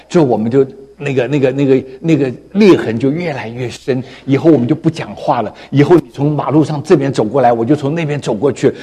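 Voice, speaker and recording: A man voicing a remorseful dying old man who speaks in a hushed, halting voice. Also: mid-range voice, breathy edge, long reverb tail, pitched below the performer's own voice, natural voice.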